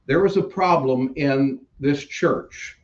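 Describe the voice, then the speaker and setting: An older man, a pastor with a New York accent, preaching a sermon in a church in a conversational, unhurried way, walking about near a pulpit mic. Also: medium pitch, highs cut off, noisy background. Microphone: stand mic at pulpit, preacher moving about.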